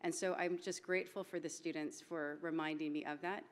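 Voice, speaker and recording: A woman's voice: deep voice, fairly even intonation, brisk. A woman from Hawaii, moderating a conference panel in an informal way and mixing in words. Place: conference hall stage. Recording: long reverb of a large hall.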